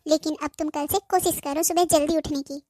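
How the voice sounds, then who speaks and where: A woman voicing a patient, gently firm cartoon mother-in-law who coaxes softly and keeps saying "beta". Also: high voice, fairly even intonation, brisk, dry recording, clean studio sound, natural voice. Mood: coaxing. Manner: soft, coaxing, says "beta" often. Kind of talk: cartoon voice acting.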